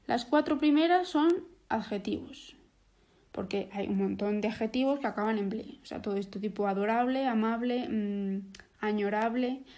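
A woman's voice: fairly high pitch, a little mellow. A young woman teaching a recorded online lesson, explaining step by step with restarts and fillers.

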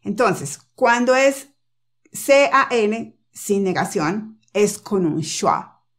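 A woman whose first language is Spanish, teaching English pronunciation in a casual, animated lesson and repeating example phrases. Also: mid-range voice, very slow. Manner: tag questions, jumps for stress.

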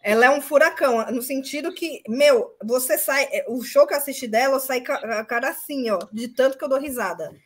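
Chatty woman on a video call, high voice. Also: brisk, few pauses. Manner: chatty, jokey storyteller, swears casually. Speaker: guest. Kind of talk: casual chat on a video call.

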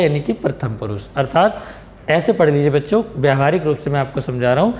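Male tutor, slightly high voice, quizzes himself as he explains. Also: darkish tone. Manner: mixes English terms into Hindi, asks and answers his own questions; checks understanding with "clear?". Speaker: English grammar teacher. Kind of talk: classroom lesson.

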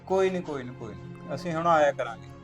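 An actor playing a brother who keeps calming and reassuring his tearful married sister. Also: a little high, a little fast, faint music behind, natural voice. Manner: soothing, reassuring, repeats himself. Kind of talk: village drama acting.

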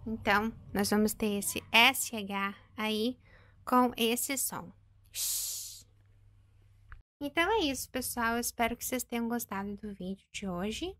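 A woman's voice: a little high, a bit bright, no echo. A woman in her thirties teaching an English pronunciation lesson, carefully repeating words and checking in with "ok?". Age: 30s. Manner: slow, careful modelling of English words, frequent "ok?" check-ins.

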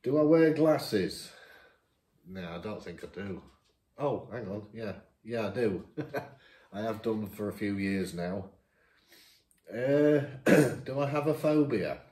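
This 51-year-old man from Lincolnshire, a YouTuber, reads viewer questions aloud at his dining table and chats through the answers, laughing at himself. He speaks slowly with long pauses, in a warm, lowish voice with lively intonation. A camera across the table picks him up in an echoey room.

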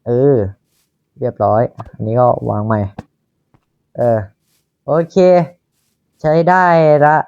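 A man's voice: medium pitch, vocal fry, darkish tone, lo-fi sound. A Thai man casually commenting on his own Minecraft building, chatting to himself as he works. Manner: slow, chatty, talking to himself while building. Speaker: Minecraft YouTuber.

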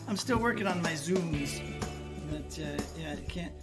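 High-voiced jokey male co-host. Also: measured pace, music in the background. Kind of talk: casual chat.

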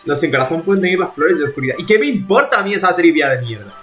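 A man's voice: on the high side, big pitch swings, very fast, fairly bright tone, faint music behind. A man from streaming a video game live, talking to himself in exasperated bursts and swearing as he plays. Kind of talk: live gameplay commentary.

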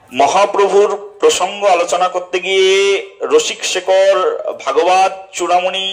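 A male preacher delivers a devotional sermon in a fairly high voice. He keeps asking his listeners questions and answering them himself, and he slows down to stretch out the key words.

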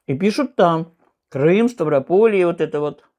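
A woman's voice: on the low side, expressive, moderate pace, darkish tone. A woman vlogging while she eats, chewing as she talks and rambling casually to her viewers. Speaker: mukbang vlogger. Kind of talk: casual chat to camera while eating.

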